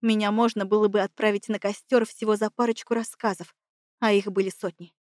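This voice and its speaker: A woman narrating a first-person fantasy audiobook in a steady, expressive reading. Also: medium pitch, a little fast, dry recording, studio quality.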